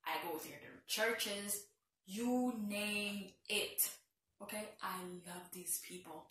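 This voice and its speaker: A young Haitian woman with a Haitian accent chats playfully in a casual get-to-know-me vlog, teasing herself with self-mocking asides. Her voice is medium in pitch, slow, and fairly bright. She sounds a bit far from the mic in a very echoey room.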